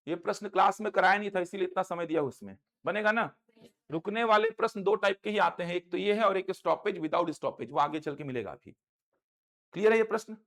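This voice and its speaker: High-voiced man teaching maths class. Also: a bit bright. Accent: Chhattisgarh Hindi. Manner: questioning students, repeating steps. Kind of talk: classroom lecture.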